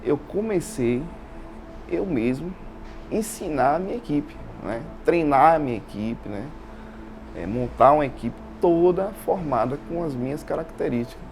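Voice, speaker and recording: There's a little hiss or hum as a man with an expressive, darkish, somewhat high voice speaks unhurriedly in a Bahian Brazilian accent. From Salvador, Bahia, he's an installation business owner giving an informal personal account as an interview guest over background music, repeating phrases and often adding tag questions.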